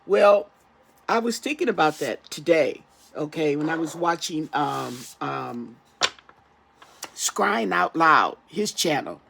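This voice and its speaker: A tarot reader talking casually to camera while getting over an illness, halting and repetitive, often tagging phrases with a questioning check-in. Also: mid-range voice, lively intonation, vocal fry, fairly bright tone, a little hiss or hum. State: recovering from an ear infection. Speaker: tarot reader, channel host.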